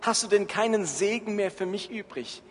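A man's voice: high-pitched, lively intonation, moderate pace, husky, voice pushed up. A man voicing a grieving adult son who begs his father, reading in a pleading, raised voice in an echoey hall. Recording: echoey hall, faint ambience.

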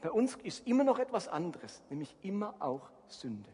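Husky high-voiced preacher in a reverberant hall. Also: male voice, sing-song, normal speed, mellow. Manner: emphatic preaching with rhetorical questions to the congregation. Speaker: pastor. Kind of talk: sermon. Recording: long reverb from a large hall.

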